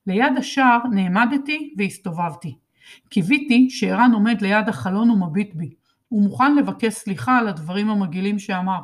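A woman narrating a first-person children's book in a lively, expressive reading voice. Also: medium pitch. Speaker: storybook reader.

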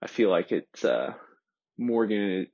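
A twenty-one-year-old man in an introspective solo monologue, talking hesitantly and softly with many pauses, alone in a room, on a dull lo-fi recording. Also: lowish voice, lively intonation, gravelly. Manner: hesitant, soft-spoken, many pauses and fillers.

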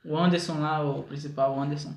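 A man's voice: a little high, steady tone, fast talker, a crowd in the background. A man co-hosting a casual podcast, joking crudely and explaining things at length. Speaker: podcast co-host. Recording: echoey room, faint noise.

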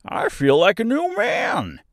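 A man voicing a friendly, naive living scarecrow from a storybook, earnest and polite, with a husky, drawn-out, swooping delivery. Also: high voice, huge pitch swings, no echo, studio quality, pitched above the performer's own voice, heavily acted. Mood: grateful, stretching. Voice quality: rather husky.

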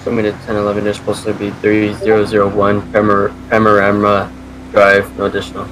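A man's voice: lowish voice, monotone, a little fast, noisy background. A man playing an officer in a police role-play game, calling dispatch by radio.

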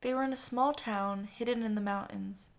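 A woman narrating a first-person story in an unhurried, soft manner for an audiobook. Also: mid-range voice, fairly even intonation.

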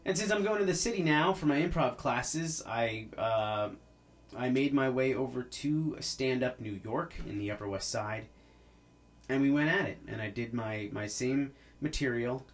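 A man's voice: mid-range voice, normal speed. A man, hosting a podcast as a casual, rambling monologue full of restarts. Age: 30s. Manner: rambling, with many restarts and fillers. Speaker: podcast host.

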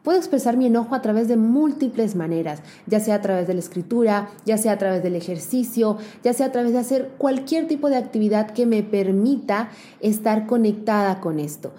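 A woman giving an earnest motivational talk to women, speaking straight to the listener and slowing down to stress key words. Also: medium pitch. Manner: addresses the listener directly and warmly.

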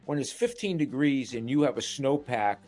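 A man's voice: mid-range voice, animated, normal speed, soft background music. Older male sportscaster reminiscing casually. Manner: chatty, warm reminiscing with restarts. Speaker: radio co-host and sportscaster. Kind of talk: casual radio chat.

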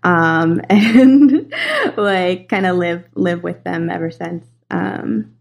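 A woman's voice: fairly low pitch, takes it slowly, gravelly. A young woman from Los Angeles, a guest in a casual interview, talking in a chatty way with many fillers and easy laughter.

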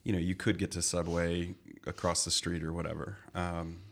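A man guesting on a podcast as a teacher, relaxed and plain-spoken. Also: deep voice, moderate pace, gravelly. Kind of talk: casual chat.

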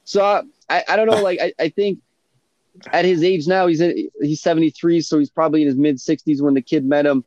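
A man telling a story in casual podcast chat, animated and swearing freely. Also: on the high side, fairly quick, dry recording. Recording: dull lo-fi sound.

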